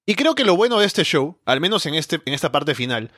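A man with a somewhat higher voice co-hosts a casual podcast, talking in an easygoing way that thinks aloud. The sound is dry and close, with no room around it. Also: big pitch swings, a little fast, a bit bright, no echo. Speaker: podcast co-host. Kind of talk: casual wrestling podcast chat.

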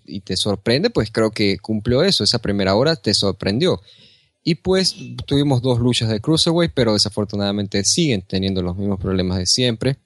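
A man's voice: on the low side, dry recording. A man co-hosting a casual podcast, chatty and joking, often speaking to the listeners. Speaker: podcast co-host. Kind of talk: casual wrestling podcast chat.

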